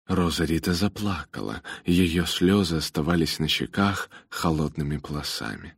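A man narrating an audiobook in an expressive storytelling manner. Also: extremely low pitch, moderate pace, creaky, breathy edge, no echo.

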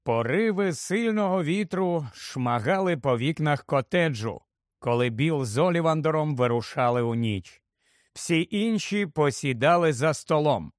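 A man reading an audiobook aloud in an expressive, steady storytelling manner. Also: fairly high pitch, a little slow, no echo, clean studio sound. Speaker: audiobook narrator.

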